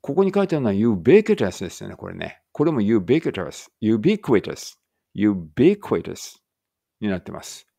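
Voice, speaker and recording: A man teaching an English read-aloud lesson in casual speech, thinking aloud and correcting himself, and reading the English lines slowly and carefully. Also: fairly low pitch, very animated, creaky, dark tone, dry recording.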